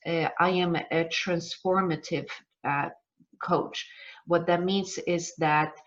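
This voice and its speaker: A middle-aged woman from Poland with a Polish accent, a business coach leading a live online masterclass, talking with many ums and uhs. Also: deep voice. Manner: hesitant, many fillers. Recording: dull lo-fi sound.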